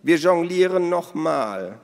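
A brash, sly middle-aged woman who cackles and teases her way through every sentence, as a male storyteller puts her on. Her voice sits well above his own low register and comes out loud. A long hall reverb trails behind it. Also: sing-song, slow, vocal fry, full character voice. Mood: boisterous.

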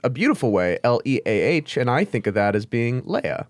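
A man's voice: mid-range voice, very animated, a little fast, no echo. A man hosts a podcast with playful, teasing banter. His voice sits in a middle register. The sound is dry and close. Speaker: podcast host. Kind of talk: casual chat.

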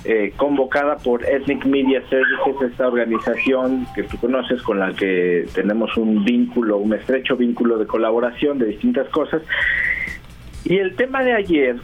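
A man, a guest journalist chatting on a radio interview, talking at length with many fillers and pauses. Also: mid-range voice. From Mexico. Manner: talkative, thinking aloud with many fillers. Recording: dull lo-fi radio line, faint music.

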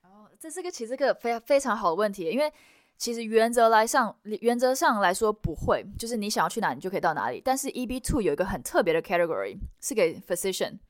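Woman, immigration consultant, rapid explanatory delivery, slightly low voice, dry close sound. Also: sing-song, no echo. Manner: mixes English terms into Mandarin. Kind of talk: expert interview answers.

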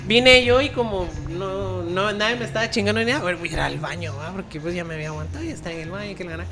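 A man's voice: sits high, fast talker, music in the background. A man, hosting a podcast and telling joking, slangy work stories. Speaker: podcast host. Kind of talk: casual podcast chat.

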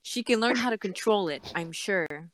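A woman voicing a stern, worried king and father in an amateur fan dub among friends, speaking in a low, measured, commanding way. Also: animated, fairly bright tone, lightly acted, low-quality recording. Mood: grave.

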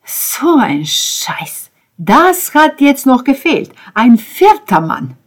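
A woman shouting as a furious cursing man. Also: on the low side, little pitch movement, moderate pace, vocal fry, slightly rough. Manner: shouting, swearing, loud and raised. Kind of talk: audiobook character voice.

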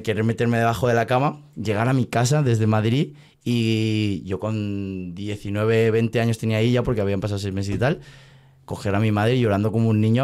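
A man's voice: fairly low pitch, darkish tone, clean tone. A young man in his twenties, a magician guest on a podcast, telling a story in casual chat with lots of fillers. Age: 20s. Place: podcast studio.

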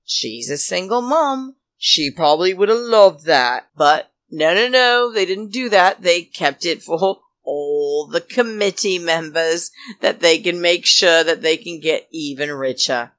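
Low-voiced, slow, campy woman podcaster. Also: lively intonation, fairly bright tone, no echo, studio quality. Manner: sassy, indignant, emphatic with repeated words. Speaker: podcast host. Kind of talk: solo reality TV recap podcast, chatty commentary.

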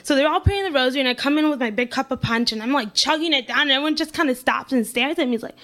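Young woman, American, high voice, casual storytelling, chatty, lots of "like", animated quoting. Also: rapid-fire. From United States. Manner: chatty, heavy use of "like" fillers; animated, acts out quoted speech.

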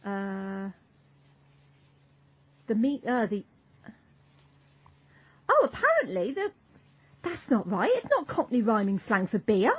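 A woman's voice: medium pitch, huge pitch swings, takes it slowly, long pauses, slightly rough. A woman co-hosting a podcast, chatting casually and trailing off as she explains. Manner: rambling, self-interrupting, trailing off. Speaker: podcast co-host. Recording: dull lo-fi audio.

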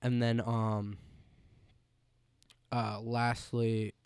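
Young man, smooth voice, chatty podcast host. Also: medium pitch, drawn-out words, no echo. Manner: animated, filler-heavy with many "like"s, swears casually. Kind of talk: casual chat.

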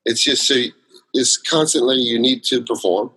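Husky rambling male storyteller. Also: mid-range voice, normal speed, pushed and bright, poor audio. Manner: rambling storyteller, many fillers and restarts. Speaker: guest, solo theater performer. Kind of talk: casual interview chat.

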